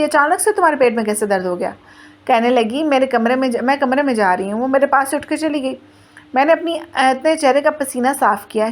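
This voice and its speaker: Brief: young woman, twenties, high bright voice, first-person storytelling narration. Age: 20s. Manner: plain storytelling, quoting others in her own voice.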